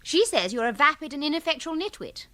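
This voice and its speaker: A woman's voice: high voice, very animated, a little fast, sharp tone, full character voice. An actress playing a self-assured, romantic young upper-class English lady in a comic radio drama, earnest, gushing and commanding.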